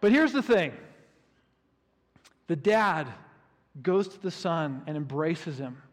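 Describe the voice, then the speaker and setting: High-voiced male pastor, animated storyteller, long hall reverb. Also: slow. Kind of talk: sermon.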